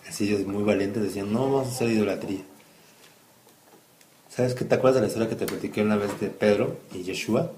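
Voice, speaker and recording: A man's voice: lowish voice, quick pace, hardly any pauses, darkish tone. A man, a father telling a bible story to his child at home, asking questions and acting out quotes, recorded in an echoey room. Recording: echoey room, faint noise.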